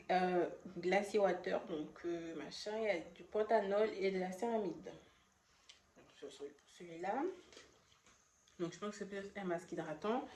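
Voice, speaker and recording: A French woman talks slowly and casually through her beauty haul, often pausing to hunt for product names. Her voice sits at a mid pitch and rings around an echoey room, with a faint hiss of background noise underneath. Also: darkish tone. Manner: chatty, hesitant, stumbles over product names. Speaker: beauty vlogger and makeup artist.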